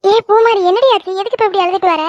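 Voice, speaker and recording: A woman voicing a gentle young aunt who calms family quarrels in a cartoon. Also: extremely high pitch, fast, no echo, muffled recording. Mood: calming. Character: soothing young aunt, calm peacemaker.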